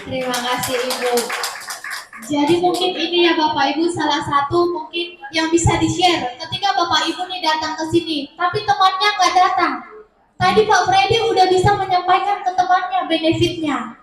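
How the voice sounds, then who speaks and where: A woman's voice: very high voice, moderate pace. A woman presenter addressing an audience informally on behalf of a hospital. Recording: very echoey room.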